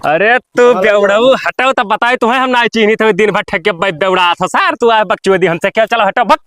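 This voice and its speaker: Man acting a high-voiced scornful Awadhi-accented villager. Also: brisk, a bit bright, dry recording, studio quality. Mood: irritated. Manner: scornful, scolding. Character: irritable, mocking villager who scorns the drunk. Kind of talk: amateur rural comedy sketch acting.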